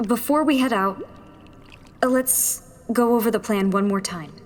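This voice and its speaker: In a sci-fi audio drama, a woman voices a determined young rebel engineer and leader, earnestly taking charge as she explains the plan with focus. Her voice is a little high, unhurried and lightly acted, with loud music over it and slight background noise.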